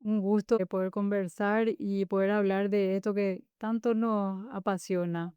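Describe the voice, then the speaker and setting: A woman's voice: medium pitch, little pitch movement, measured pace, clear, resonant tone, no echo, highs cut off. A middle-aged woman from Paraguay, answering interview questions in a reflective, hesitant way. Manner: warm, reflective, frequent hesitations. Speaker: guest architect.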